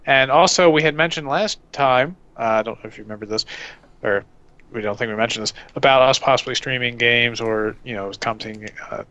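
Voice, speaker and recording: A man's voice: mid-range voice, brisk, bright, forceful tone, dull audio. A man co-hosting a podcast in casual chat, rambling and self-deprecating. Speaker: podcast co-host.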